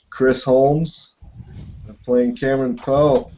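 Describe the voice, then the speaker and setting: A man with a French accent, hosting a live tabletop game as game master, relaxed, with frequent fillers and laughs. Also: medium pitch, muffled recording.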